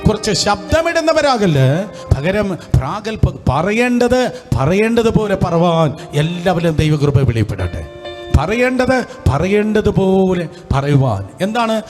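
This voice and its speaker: A man's voice: sits high, big pitch swings, unhurried, darkish tone, faint music behind. A man with a Malayalam accent preaching a Bible study sermon, leading the congregation to repeat phrases back and exclaiming hallelujah and praise often. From India. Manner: repetitive call-and-response, leads congregation in repeating phrases. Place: hot room with lights and fans.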